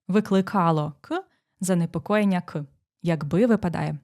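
A woman teacher explaining exam phonetics, pronouncing sample words slowly and walking through each rule step by step. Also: lowish voice, warm tone. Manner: dictating sounds slowly, explaining rules step by step. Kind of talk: exam prep lesson.

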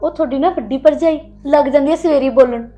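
A woman's voice: sits high, fast, dark tone, lo-fi sound, soft background music, natural voice. A woman playing an aggrieved young wife. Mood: indignant. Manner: complaining, indignant. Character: aggrieved young wife grumbling about her sister-in-law. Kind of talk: Punjabi family sketch acting.

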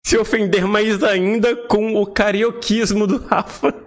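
A young Brazilian man hosting a casual group reaction stream, animated and jokey, swearing now and then. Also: sits high, a little slow. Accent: Brazilian Portuguese. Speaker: streamer host.

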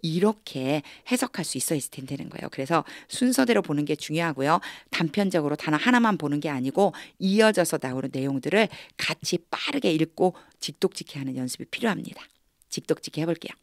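A woman with a lowish voice and a Korean accent teaches English from Bible verses. She reads each English phrase slowly, then explains it in quick, patient bursts. The sound is dry and close. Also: animated, no room sound. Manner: explains patiently, asks and answers her own questions. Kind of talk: Bible English reading lesson.

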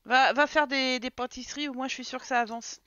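A woman's voice: high-pitched, steady tone, fairly quick, bright, forceful tone. A woman streaming a life-simulation game live, chatting with viewers and laughing as she reacts to what happens on screen. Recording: dry, slightly dull sound.

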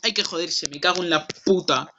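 A man's voice: high-pitched, normal speed, muffled recording, noisy background. A young man from Spain, commentating his gameplay brashly and swearing as he argues with someone off-mic. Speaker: gaming streamer.

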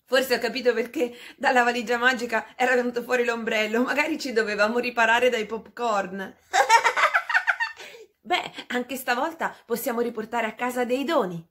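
A woman playing a cheerful, curious mouse girl who presents a children's puppet show, lively and exclaiming. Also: a little high, normal speed.

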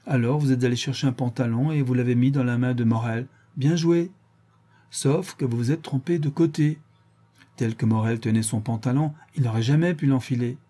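A man reading an audiobook, voicing a stern, shrewd woman who questions her servants in a measured, deliberate way. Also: mid-range voice, warm tone, natural voice. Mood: cold.

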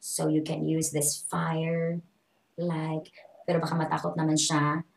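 A woman's voice: deep voice, completely flat delivery, a little slow, creaky, noisy background. A young woman with a Filipino accent, an online English teacher giving a casual, chatty tutorial in English and Tagalog. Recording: echoey room.

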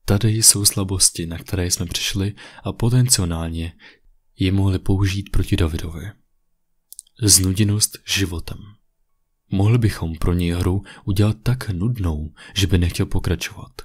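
Male creepypasta narrator, low and husky, steady read. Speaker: storyteller. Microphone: USB condenser mic.

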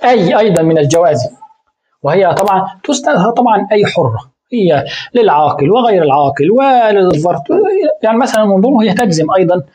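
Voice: mid-range voice, expressive, fast, warm tone. A grammar teacher explaining a lesson, tossing out rhetorical questions and answering them, repeating key terms again and again.

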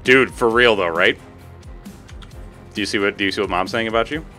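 Speaking fairly quickly, this thirties-aged man has a lowish voice with a bright, forceful tone. He's a game streamer chatting casually from his home room, slangy and swearing often, while music plays behind him.

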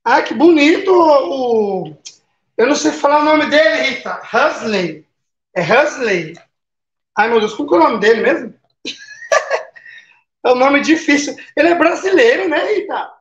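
A man's voice: very high-pitched, animated, a little slow, pauses often. Brazilian male live-stream host, chatty, friendly toward viewers, roomy and slightly muffled stream audio. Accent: Brazilian Portuguese. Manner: chatty, greets viewers by name, tag questions.

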